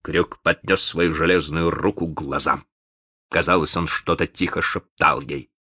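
A man narrating a children's story aloud in a dramatic, animated manner. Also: very deep voice, measured pace, slightly rough, dry recording, clean studio sound. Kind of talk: expressive audiobook narration.

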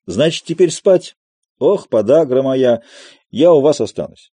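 A man voicing an elderly gouty male landowner who begs loudly and wheedles, read for an audiobook of a play. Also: medium pitch, lively intonation, unhurried, slightly rough, no room sound, voice pushed up. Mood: pleading. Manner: loud, begging, wheedling.

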